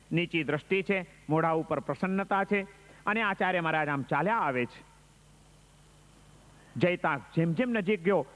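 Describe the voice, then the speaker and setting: A man's voice: high-pitched, fairly bright tone, long reverb tail. A man who is a monk preaching a sermon, telling a story with dramatic, emphatic rising lines.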